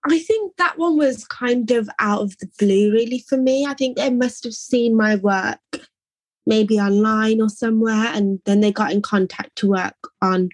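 In a fairly high voice at a moderate pace, a young woman from England talks through interview questions about her art. Her manner is soft and reflective, full of "like" and "I think," with no room sound.

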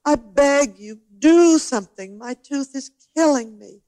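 A woman's voice: low-pitched, expressive, very slow, a little mellow, soft background music, heavily acted, low-quality recording. A woman voicing a sly, hungry male fox from a storybook, in a wailing, pleading, melodramatic manner. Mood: desperate, pleading.

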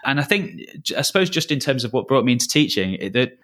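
In a podcast interview, a Lancashire man in his thirties who serves as a school's director of learning answers questions earnestly and thoughtfully, often restarting his sentences. His mid-range voice is fairly bright, moves fast, and swings widely in pitch.

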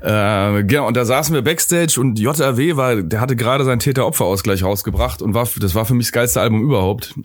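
A man in a casual chat, relaxed and rambling as he tells a tour anecdote, laughing along. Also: mid-range voice, quick pace, hardly any pauses, no echo, clean studio sound. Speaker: musician and co-host.

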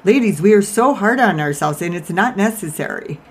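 A woman with a mid-pitched voice speaks out of the side of her mouth in a candid personal monologue. Her delivery is informal and confessional, with a self-deprecating streak, as a life coach hosting her own show. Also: lively intonation, moderate pace, breathy edge. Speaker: life coach and podcast host.

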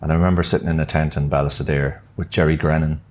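A man's voice: rumbling low, level tone, quick pace, a little mellow. An older man with a west of Ireland accent, telling anecdotes in a casual, hesitant way as an interview guest. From Sligo, Ireland. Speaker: musician, podcast guest. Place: furnished upstairs room in a venue.

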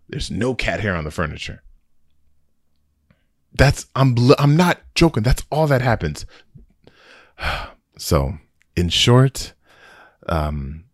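A man's voice: deep voice, no room sound, studio quality. A man hosting a solo podcast, giving a rambling, exasperated and joking movie review with frequent restarts. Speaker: podcast host reviewing a film.

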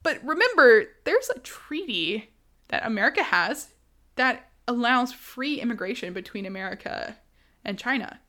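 A woman co-hosting a casual podcast, telling history quickly and animatedly with asides and laughs. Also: fairly high pitch, very animated, pushed and bright. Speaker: podcast co-host.

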